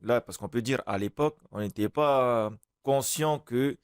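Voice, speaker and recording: A man's voice: medium pitch, a little slow, clean tone, dry recording. A male craftsman guest in a studio interview, speaking hesitantly with many fillers.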